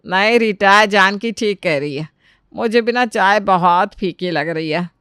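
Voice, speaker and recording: A woman voicing a calm, wise older mother-in-law in a cartoon story, speaking in a lower, soothing, advising way. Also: unhurried, smooth, dry recording, studio quality, close to an everyday voice.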